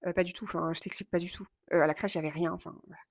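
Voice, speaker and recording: A woman in her thirties telling a personal story casually, impulsive and animated, swearing and mimicking the people she talks about. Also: on the low side, rapid-fire, vocal fry, no room sound, clean studio sound. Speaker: vlogger.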